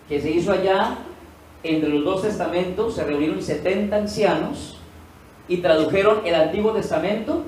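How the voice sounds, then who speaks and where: A male pastor teaches a sermon in an echoey room, heard from a distance with faint ambience and slight background noise. His voice is high-pitched and darkish, and he poses questions to the congregation, answers them himself and repeats key words for emphasis.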